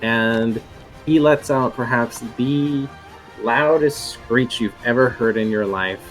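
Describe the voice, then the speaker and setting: Male game master, slow, rambling narration full of fillers. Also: mid-range voice, music in the background. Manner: rambling, many fillers and restarts.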